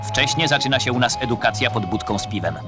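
A man's voice: medium pitch, fast. A man in his forties narrating an old newsreel in a wry, ironic voice-over. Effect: old newsreel soundtrack. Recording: loud music under old newsreel narration.

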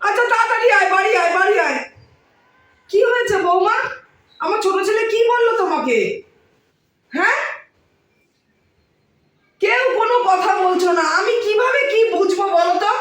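A woman's voice: very high-pitched, normal speed, pauses often, a bit bright. An actress playing an anxious, grieving mother of two grown sons who keeps pleading for answers, recorded far off in an echoey room. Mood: worried.

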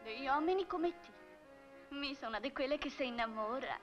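An actress playing a naive, romantic young maid who is easily moved, speaking with a Venetian accent in a 1950s film comedy. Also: female voice, sits high, animated, brisk, lo-fi sound, soft background music. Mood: anxious. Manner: emotional, swings between shy and tearful.

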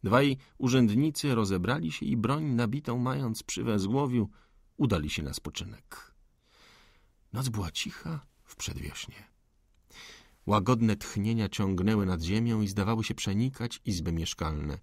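A man narrating an audiobook in an expressive storytelling manner, recorded on a close studio mic. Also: on the low side, unhurried, gravelly, no echo.

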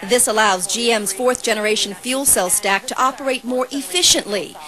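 A woman's voice: a little high, normal speed. Woman reporter narrating a news feature. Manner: even, polished reporter delivery. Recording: voice-over with music bed.

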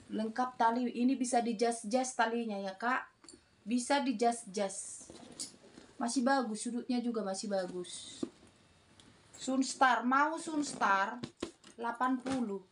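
A woman's voice: on the high side, slow, pauses often, a little hiss or hum. A middle-aged woman doing casual, repetitive live-selling patter, calling out items and prices. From Indonesia. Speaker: online seller of secondhand bags. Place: small room indoors.

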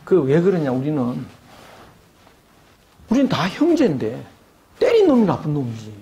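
A man's voice: fairly high pitch, wildly swooping pitch, a little slow, vocal fry, warm tone. An older man giving an academic lecture, asking rhetorical questions and acting out quoted voices.

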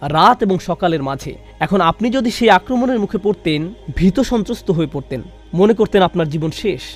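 A man's voice: sits high, animated, moderate pace, faint music behind. A man voicing a religious lecture in translation, reciting verses and asking rhetorical questions. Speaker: Bengali voice-over of a Quran lecture.

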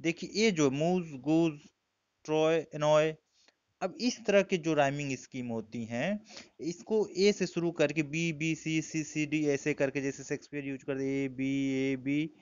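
A man with an Indian accent teaching an exam-prep lesson, explaining step by step and reading quoted lines slowly. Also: fairly high pitch, darkish tone, clear, resonant tone, no room sound, muffled recording.

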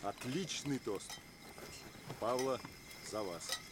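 An actor playing a gallant army major in a war film, speaking politely and formally. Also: male voice, medium pitch, expressive, slow. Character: courteous, gallant army major charming a woman. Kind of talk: naturalistic war film acting. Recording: distant voice, loud outdoor noise.

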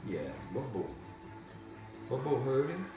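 Older grandpa, coaxing baby talk, slow and sing-song, home video with heavy echo and music behind. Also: male voice, medium pitch, big pitch swings.

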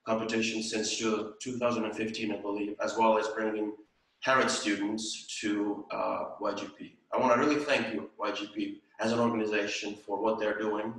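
An older Estonian man teaches a ballet class at home, counting the beat rhythmically and singing it out. His voice is fairly low and fairly bright, level in tone, at a moderate pace. A distant camera captures him in an echoey home room with a tiled floor.

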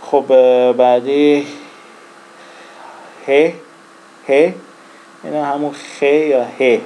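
A man from Iran teaching a casual lesson, speaking slowly and hesitantly, repeating each letter with frequent fillers. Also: mid-range voice, fairly even intonation, dark tone, a little hiss or hum, poor audio. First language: Persian. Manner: slow and halting, with frequent fillers and letter-by-letter repetition. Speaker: language teacher.

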